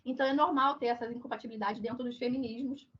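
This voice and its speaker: A Brazilian woman with a hoarse, croaky duck-like voice from flu, giving an online lecture in a didactic manner, often checking in with her listeners. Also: on the high side, fairly even intonation, quick pace. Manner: didactic, frequent check-in tags. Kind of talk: online lecture on social issues. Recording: dull, muffled online call audio.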